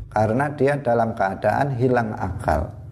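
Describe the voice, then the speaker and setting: A man's voice: mid-range voice, a little slow, vocal fry, a little mellow, slight background noise. A man giving an Islamic study lesson, explaining step by step with examples and rhetorical questions. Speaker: religious teacher.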